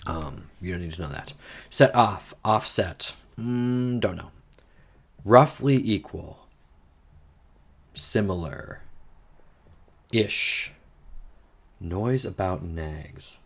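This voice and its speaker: A man's voice: deep voice, animated, very slow, gravelly, long pauses. A man casually thinking aloud while solving a crossword, wandering into rambling asides with some mild swearing. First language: English. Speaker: podcast host solving a crossword. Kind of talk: casual solo puzzle-solving chat.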